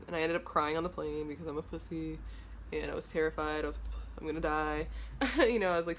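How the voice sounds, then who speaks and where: A woman's voice: low-pitched, fairly bright tone, slight background noise. A woman in her late twenties, from Los Angeles, chatting candidly and rambling while doing her makeup in her bedroom, swearing freely. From Los Angeles, USA. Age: 20s. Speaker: beauty vlogger. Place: bedroom, indoors. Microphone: camera in front at close range.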